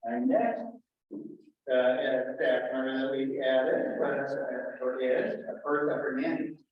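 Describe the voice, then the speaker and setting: A man's voice: mid-range voice, little pitch movement. Male fire chief, offhand board-meeting report, distant from the mic, faint hiss. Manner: casual, halting with fillers. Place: large meeting room. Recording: echoey dull meeting room audio, faint hiss.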